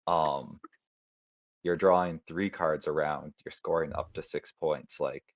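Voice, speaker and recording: A man's voice: rumbling low, steady tone, a little slow, dry recording, dull audio. A man playing in an online board game tournament, thinking aloud in a hesitant, apologetic way with lots of fillers. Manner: apologetic, self-deprecating, hesitant with many fillers.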